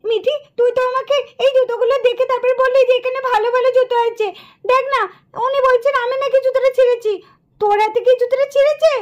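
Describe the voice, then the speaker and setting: A woman's voice: extremely high pitch, fairly even intonation, fast. Woman voicing a scolding cartoon mother. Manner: scolding, exasperated. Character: scolding mother of two young girls. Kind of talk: puppet show voice acting.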